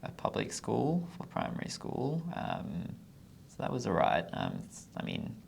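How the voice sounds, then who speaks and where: Gravelly young man, halting answers. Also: on the low side, huge pitch swings, a little hiss or hum. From Zimbabwe. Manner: hesitant, with frequent ums and short trailing answers. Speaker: podcast guest, consultant. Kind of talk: casual interview chat.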